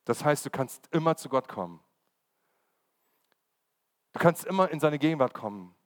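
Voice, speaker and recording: A man's voice: fairly high pitch, expressive, normal speed. A man giving a conversational sermon and putting questions to his congregation. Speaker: preacher. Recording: long hall reverb.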